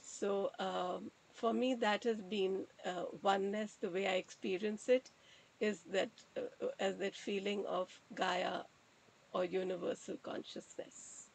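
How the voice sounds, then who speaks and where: A woman's voice: medium pitch, fairly even intonation, measured pace, vocal fry, rough recording. A woman sharing a personal reflection in a group circle, earnest and hesitant, with fillers and repeated words. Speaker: circle participant.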